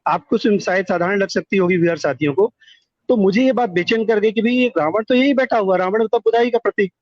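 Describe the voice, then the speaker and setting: Recounting his life over a phone call, this middle-aged man speaks a little fast in a high voice, with no echo. The call recording is dull and lo-fi. His conversational testimony is sincere and verbose, with repeated words for emphasis.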